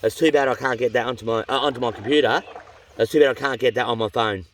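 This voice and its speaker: Worn out and with a runny nose, an Australian vlogger on a long canoe trip rambles by a river beneath rocky cliffs while birdsong fills the bush. He talks fast in a medium pitch, chatty and full of slang, often restarting his sentences. The recording has a little hiss or hum.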